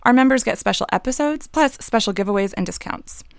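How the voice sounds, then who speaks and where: Gravelly-voiced woman podcast host. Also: on the high side, lively intonation, brisk, no echo, studio quality. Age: 30s. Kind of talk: casual podcast hosting.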